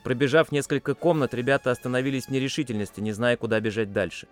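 A man reading a suspenseful audiobook with tense, expressive storytelling into a close mic. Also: mid-range voice, quick pace, soft background music. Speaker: narrator. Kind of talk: dramatic audiobook narration.

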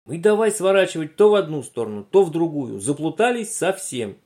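A man narrating a children's story aloud in an expressive, animated way. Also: fairly high pitch, a little fast.

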